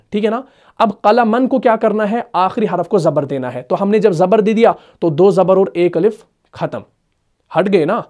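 High-voiced man teaching grammar patiently. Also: darkish tone. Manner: patient, asks the class checking questions. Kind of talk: recorded online lesson.

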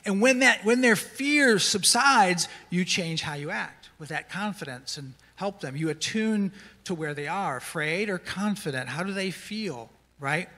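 A middle-aged male counselor talks through his lesson in an easy, conversational way, often tossing in "right?" to keep listeners with him. His voice sits a bit high for a man and comes across bright and energetic. A long reverb trails each phrase through the large church hall. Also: a little slow. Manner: conversational, tags many lines with "right?". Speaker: counselor giving a church talk. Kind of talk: sermon-style teaching talk.

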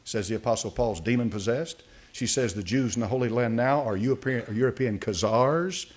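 A man's voice: mid-range voice, brisk. An older man preaching a sermon from a church podium, reading aloud and commenting with many fillers and restarts. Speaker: pastor. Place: church sanctuary. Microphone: podium mic.

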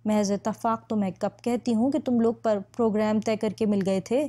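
Teasing young friend, playful, in a storybook reading by a woman; mellow tone. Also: medium pitch, fairly even intonation, moderate pace, lightly acted. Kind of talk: audiobook reading.

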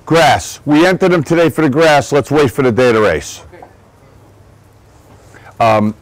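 A racehorse trainer from Long Island, New York, speaks in an animated, unhurried, medium-pitched voice, captured with poor audio. He's leading a guided tour of an outdoor horse barn shed row, chatty and digressive, often restarting his sentences.

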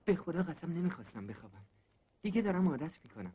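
Higher husky male voice, boyish young soldier, pleading. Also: big pitch swings, warm tone.

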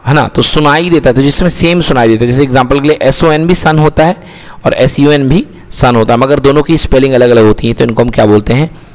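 A man's voice: medium pitch, fast. A man teaching an English lesson in Hindi mixed with English, who keeps asking questions and answering them himself. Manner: asks questions and answers them himself, calls listeners beta. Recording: long reverb.

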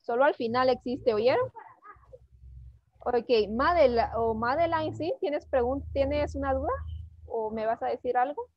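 High-pitched lady teacher, patient and coaxing, dry dull sound, online class. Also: measured pace, no room sound. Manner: patient, coaxing, switches between Spanish and English. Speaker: English teacher.

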